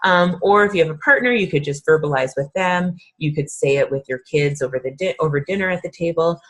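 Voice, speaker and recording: A woman's voice: low voice, brisk. A woman in her thirties, a fitness coach, leading a casual, upbeat workshop talk with lots of fillers. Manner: chatty, upbeat, filler-heavy.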